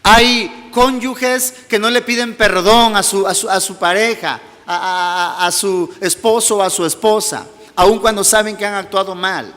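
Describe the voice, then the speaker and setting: A man, a pastor preaching a sermon and telling a personal story in soft, low tones. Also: steady tone, measured pace, hardly any pauses, long reverb tail. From Mexico. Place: church hall.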